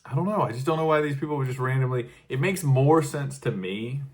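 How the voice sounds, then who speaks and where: A man's voice: medium pitch, fairly quick. A man co-hosting a casual comedy podcast, reading news clippings aloud with dry, wry asides. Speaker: podcast co-host.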